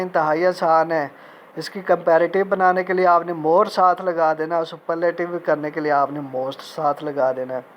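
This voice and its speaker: A man's voice: on the high side, muffled recording, a little hiss or hum. Man explaining grammar, repeating each point. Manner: mixes Urdu speech with spoken English examples. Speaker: teacher. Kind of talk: recorded grammar lecture.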